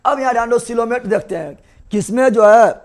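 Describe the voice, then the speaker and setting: High-voiced man drilling a biology class. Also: a little mellow. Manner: drills students with repeated quick questions. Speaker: teacher.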